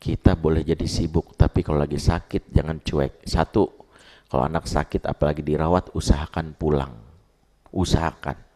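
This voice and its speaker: A man's voice: rumbling low, fairly even intonation, fairly quick, mellow. A male preacher, giving a sermon in a casual, storytelling manner with everyday slang. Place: mosque.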